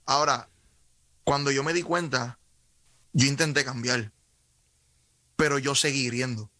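Bright earnest Puerto Rican man. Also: mid-range voice, steady tone, a little slow, dry recording. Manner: earnest, frequent self-corrections and restarts. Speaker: guest sharing testimony. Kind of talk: casual faith conversation. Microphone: video call.

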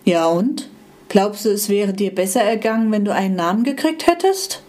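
A woman's voice: mid-range voice, expressive, moderate pace, a little mellow, natural voice. A woman voicing an embittered, grumpy old male handheld computer who grumbles resentfully. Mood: bitter.

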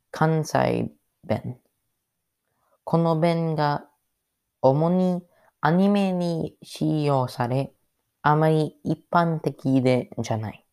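Very slow-talking man, halting learner's speech. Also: on the high side, a little mellow, clear, resonant tone. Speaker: podcast host. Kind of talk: solo podcast monologue.

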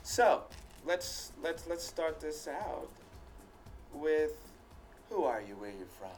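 A man's voice: a little high, big pitch swings, slow pace, faint music behind. A man hosting a casual studio interview, talking conversationally in short bursts. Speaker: talk show host, interviewer.

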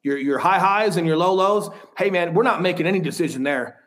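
A man's voice: sits high, a little fast, a bit bright. A man in his thirties, a podcast guest, telling a personal story in a frank, rambling way with casual swearing.

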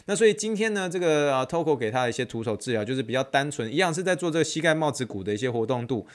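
A young man, a physical therapy intern hosting his podcast and telling a story in a lively, excitable way with many fillers. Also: mid-range voice, very fast. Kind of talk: casual solo storytelling.

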